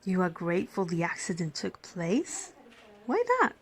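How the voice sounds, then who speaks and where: Acting out an intimate one-sided ASMR scene, a woman plays an emergency doctor tending a crash patient she's smitten with. Her voice is on the low side and animated at normal speed, shy and affectionate, tender and soothing, flustered, sinking into breathy whispers.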